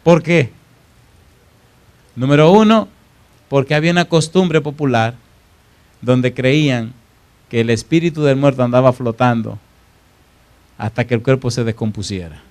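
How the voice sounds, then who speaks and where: In church, a man preaches a sermon, telling a story with dramatic shifts between loud and hushed delivery and posing questions to the congregation. His voice is medium in pitch, a little slow, with frequent pauses.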